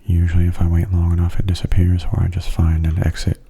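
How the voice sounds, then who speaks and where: Speaking at a quick pace, a streamer offers hushed, ASMR-style commentary over a video game, frequently dropping to a whisper. His low voice is deeply mellow and husky, moving in an even, narrow melody.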